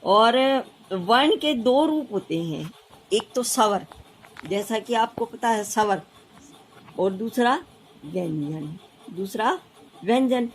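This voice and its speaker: A woman's voice: fairly high pitch, slow pace, slight background noise, low-quality recording. A woman primary school teacher with a Haryanvi Hindi accent, explaining a lesson patiently and repeating key terms. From India.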